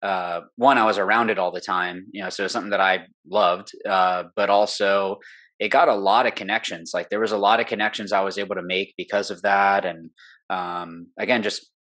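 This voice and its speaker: A young pro paintball player, interviewed as a guest, rambles earnestly and at length with frequent fillers from his home studio room. He has a deep, fairly bright voice with a steady tone, going a little fast.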